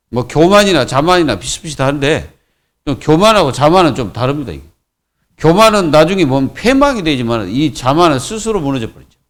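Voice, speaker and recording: Male pastor, fairly high and very animated pitch, conversational sermon delivery, lots of fillers. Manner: colloquial preaching with many fillers and repetitions. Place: church.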